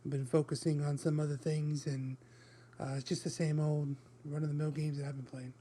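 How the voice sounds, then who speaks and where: A man co-hosting a casual podcast chat, teasing the others with quick comebacks. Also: fairly high pitch, little pitch movement, warm tone, slight background noise. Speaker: podcast co-host.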